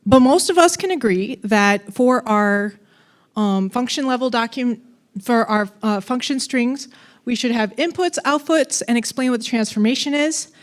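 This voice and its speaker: A woman's voice: on the high side, moderate pace. A woman giving a conference talk on coding, casual and playful, with fillers and asides. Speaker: conference speaker.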